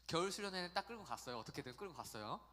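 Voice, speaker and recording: Male youth pastor, animated storyteller, bright voice, church hall reverb. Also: a little high, rapid-fire. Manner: chatty, animated storytelling with acted quotes. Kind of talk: youth sermon. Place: church sanctuary.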